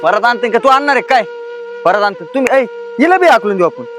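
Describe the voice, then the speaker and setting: A man playing a harsh grown son who scolds and shouts at his old father in a family drama. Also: very high voice, expressive, quick pace, music in the background. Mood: angry scolding. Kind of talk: village family drama acting.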